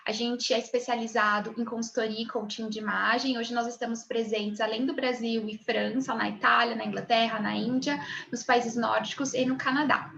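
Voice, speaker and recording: A woman's voice: fairly high pitch, fairly even intonation, normal speed, gravelly, a bit bright, a little hiss or hum. A woman, teaching an online image consulting class over a video call. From Brazil. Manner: friendly greeting of students, then lecturing. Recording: dull lo-fi video call audio.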